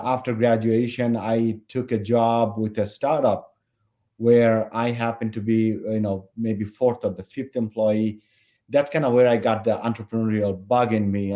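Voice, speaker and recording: A man in his forties, originally from Bangladesh, answering as a founder on a podcast in a measured way with many fillers. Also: medium pitch, dark tone. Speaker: company founder and CEO, guest. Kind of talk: podcast interview.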